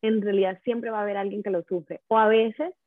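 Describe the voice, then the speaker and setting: A woman's voice: medium pitch, fairly even intonation, a little fast, dry recording. Chatty woman on a tinny line. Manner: chatty, conversational storytelling. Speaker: podcast co-host. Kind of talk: casual podcast chat. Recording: phone-like narrow sound.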